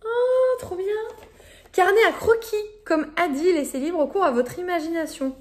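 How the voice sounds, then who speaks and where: A vlogger who owns a shop chats casually to the camera while unboxing her shop parcels, her voice very high, a little mellow, at a moderate pace. She gushes and laughs often, though she sounds a little tired.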